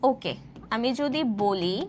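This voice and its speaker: A woman in her twenties from Bangladesh, teaching an online English grammar class and often checking that students follow, with slow, drawn-out example sentences. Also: medium pitch, lively intonation, a little hiss or hum. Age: 20s. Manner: keeps asking students questions to check understanding; stretches out example sentences slowly. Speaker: admission test English tutor.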